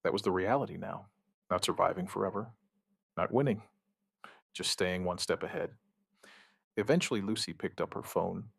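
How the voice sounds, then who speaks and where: A man narrates a scripted survivor horror story in the first person, speaking gravely in short, measured phrases broken by dramatic pauses. His voice sits low. The recording is studio quality with no room sound.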